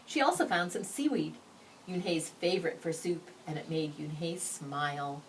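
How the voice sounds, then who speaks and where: Reading a children's picture book to listeners, this woman speaks in a low pitch at a normal speed, voicing the characters expressively and tossing in short asides. The microphone sits far away, and background noise comes through.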